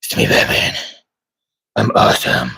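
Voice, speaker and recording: A man doing a jokey impression of a smug masked male superhero, speaking in a breathy, self-congratulating way. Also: mid-range voice, unhurried, full character voice, poor audio.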